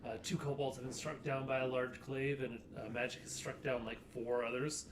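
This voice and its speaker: A man running a tabletop game as game master, narrating in a relaxed way with frequent pauses. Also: medium pitch. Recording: distant mic with faint noise.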